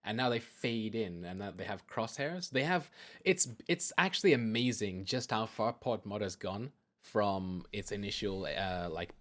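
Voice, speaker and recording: A man with a fairly low voice co-hosting a casual gaming podcast. He chats loosely and easily, filling his talk with likes and you knows. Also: expressive, measured pace. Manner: chatty, laughs easily, lots of fillers. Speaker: podcast co-host.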